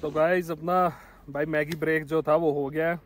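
A man's voice: on the high side, flat delivery, moderate pace. A young man from India, enthusiastically chatting to viewers in a travel vlog, first from inside a car and then on a mountainside. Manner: enthusiastic, addresses viewers as brothers. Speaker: travel vlogger. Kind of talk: casual travel vlog chat.

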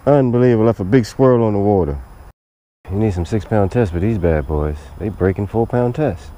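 A man filming himself fishing from a lakeshore with a head-mounted camera, talking excitedly to the fish as he reels them in. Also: fairly low pitch, normal speed. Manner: talks to the fish while reeling. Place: outdoors on a lakeshore. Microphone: head-mounted action camera.

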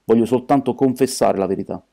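A man voicing a frantic, agitated doctor who cries out excitedly. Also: medium pitch, quick pace, creaky, natural voice.

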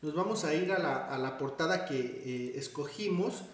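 Man, tutorial, chatty, self-correcting, slightly high pitch, heavy room echo. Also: expressive, normal speed. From Mexico. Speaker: design tutor. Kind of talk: screen-recorded tutorial. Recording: very echoey room.

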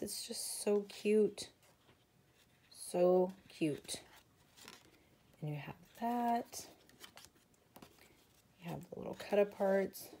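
A woman's voice: fairly low pitch, warm tone, a little hiss or hum. A woman showing off her craft supply haul in a casual video, gushing over each item and saying she is tired. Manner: gushing, breathless exclamations. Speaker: craft vlogger.

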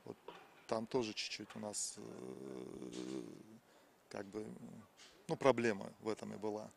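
A man in his fifties, a football coach, giving plain, halting, repetitive post-match answers outdoors into a handheld microphone. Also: on the low side, creaky, slight background noise. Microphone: interviewer's handheld microphone.

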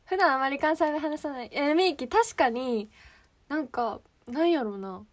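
A woman's voice: high voice, lively intonation, moderate pace. A young woman with a Kansai accent chatting casually on a livestream, rambling and often searching for words. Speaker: idol livestream host.

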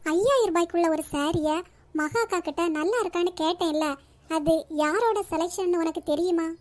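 A woman's voice: extremely high pitch, normal speed. A woman voicing a sly, gossipy young woman in a cartoon, insistent and confiding. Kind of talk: cartoon voice acting.

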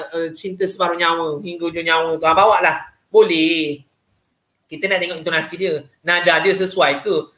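A man with a Malaysian Malay accent gives a casual training talk to teachers. His voice is bright and lively, and he keeps checking in with his listeners. The recording is roomy, with a noticeable echo. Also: high-pitched.

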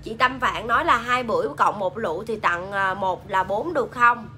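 This livestream seller has a mid-range voice with a sharp edge and a moderate pace, plus a bit of hiss or hum. Speaking with a Southern Vietnamese accent, she chats casually, reads viewer comments aloud and promotes products.

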